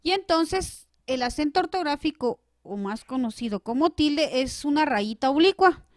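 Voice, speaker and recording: Female teacher for a recorded grammar lesson: clear and emphatic, a touch high, dry booth-like sound. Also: expressive, moderate pace, no room sound. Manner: clear, emphatic, stresses syllables when giving examples.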